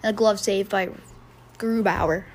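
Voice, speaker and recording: A woman's voice: mid-range voice, fairly even intonation, unhurried, slight background noise. A woman doing casual amateur hockey play-by-play, profane and rambling, laughing at her own jokes.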